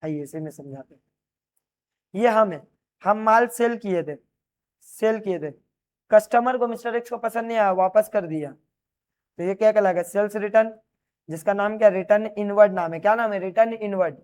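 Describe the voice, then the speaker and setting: A man's voice: high voice, moderate pace, pauses often. A man teaching a class, who asks his students questions and answers them himself while he writes on a board. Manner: repeats key terms as questions and answers them; explains while writing on a board. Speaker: commerce teacher.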